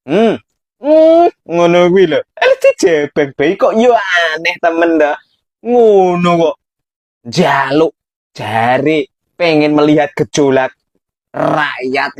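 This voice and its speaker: A man's voice: on the high side, dry recording. A man with a Javanese accent hosting casual, teasing commentary. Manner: teasing, joking banter. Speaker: channel host.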